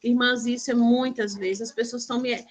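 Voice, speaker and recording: A woman pastor, sharing a lively devotional testimony in an animated storytelling way. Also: on the high side, moderate pace.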